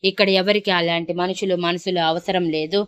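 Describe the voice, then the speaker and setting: A commanding, scornful young husband in an audio story, as a woman narrator puts him on. He speaks in a lowish, smooth voice and keeps his orders harsh and clipped. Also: steady tone, brisk, no room sound, close to an everyday voice. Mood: angry. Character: domineering, hot-tempered young husband.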